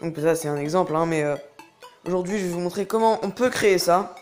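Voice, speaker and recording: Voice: medium pitch, fast talker, faint music behind. A young tutorial host talking through a phone app step by step in a casual, rambling way, full of hesitations. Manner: chatty, rambling, filled with hesitations. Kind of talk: casual screen-recording tutorial.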